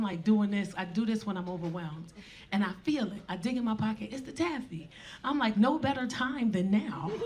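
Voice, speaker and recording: A woman in her forties doing stand-up, telling a story in a brash, profane, animated way on a comedy club stage. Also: mid-range voice. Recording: live audience laughter.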